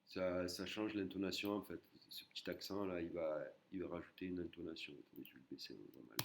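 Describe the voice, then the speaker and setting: A man's voice: low voice, a little fast, gravelly, noisy background. A man teaching an online language lesson, patiently repeating and breaking words into syllables.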